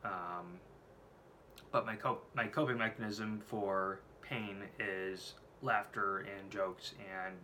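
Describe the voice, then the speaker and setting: A man in his late twenties vlogs casually from a small room at home, filmed on a desk camera. He has a head cold and a scratchy throat, and his fairly low voice comes out bright and forceful as he rambles candidly and swears freely.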